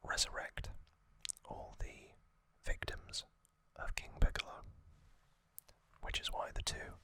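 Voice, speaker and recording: A man hosting ASMR whispers gently and breathily close to the microphone, recapping a story in unhurried, halting phrases.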